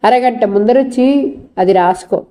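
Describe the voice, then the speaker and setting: A woman's voice: a little high, measured pace, dark tone, close to an everyday voice. Woman reading as a lonely young lecturer. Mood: subdued.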